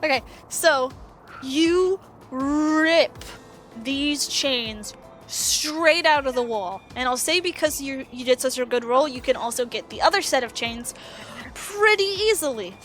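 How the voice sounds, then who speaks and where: A woman's voice: high-pitched, lively intonation, a little slow, a bit bright, faint music behind. A woman running a tabletop role-playing game as game master, casual and laid-back, swearing freely and saying "like" a lot. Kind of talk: narrating a tabletop game over a call.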